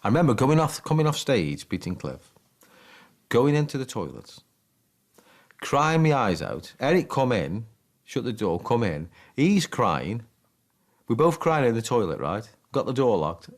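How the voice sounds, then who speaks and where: A man's voice: mid-range voice, big pitch swings, a little slow. A man in an interview, telling anecdotes and acting out remembered conversations. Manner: anecdotal, acts out quoted dialogue. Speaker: interviewee, former player. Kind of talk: storytelling interview.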